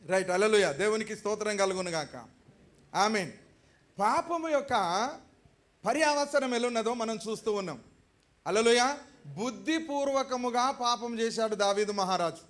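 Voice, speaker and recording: A man preaching, his voice pitched high and never resting on one tone. He tells the story as though he were in it, slips into the voices of its people and keeps throwing questions back at the congregation. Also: moderate pace, long pauses. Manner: dramatic storytelling, acting out characters' voices. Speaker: pastor. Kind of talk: sermon.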